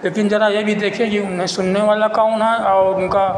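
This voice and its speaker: A man talks in a rambling, halting way, often repeating himself. His delivery is an informal complaint from an ordinary citizen. The recording rings with long room reverb and carries faint noise. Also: high-pitched, little pitch movement. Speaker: local citizen giving his account. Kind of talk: informal spoken monologue of complaint and appeal.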